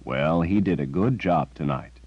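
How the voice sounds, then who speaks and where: A man voicing a protective young hero who speaks gently. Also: sits low, normal speed, no echo, muffled recording. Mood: gentle.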